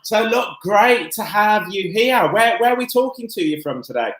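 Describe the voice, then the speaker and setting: Slightly high-voiced male host in echoey room. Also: lively intonation, normal speed, fairly bright tone. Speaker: show host. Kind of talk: casual chat. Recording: roomy echo.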